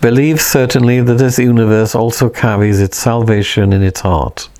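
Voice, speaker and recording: A man reading the part of a calm, mysterious young man who speaks gently and solemnly. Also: mid-range voice, normal speed, lightly acted. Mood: serene.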